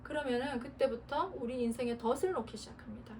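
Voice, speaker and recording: A woman's voice: sits high, quick pace, a little mellow. A woman pastor delivering an earnest Sunday sermon, sometimes laughing as she acts out prayers. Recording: distant mic with faint noise.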